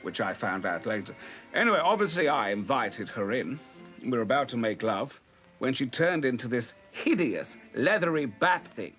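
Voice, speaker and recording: A man's voice: mid-range voice, very animated, normal speed, fairly bright tone, faint music behind. An actor playing a pompous, lustful male vampire in a mockumentary comedy, with a grandiose, theatrical manner. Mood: grandiose, matter-of-fact.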